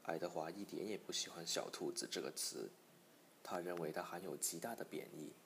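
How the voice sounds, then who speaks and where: A man narrating a storybook in a measured, even manner. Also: sits low, vocal fry, a little hiss or hum. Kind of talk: audiobook storytelling.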